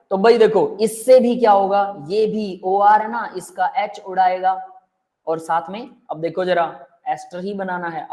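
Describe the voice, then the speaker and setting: Male teacher, relaxed and friendly; step-by-step explainer who checks in with students constantly. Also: high-pitched. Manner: explains step by step, keeps checking the class understands; relaxed and friendly, calls students "beta" and "bhai". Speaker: chemistry teacher. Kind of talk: live online chemistry lecture.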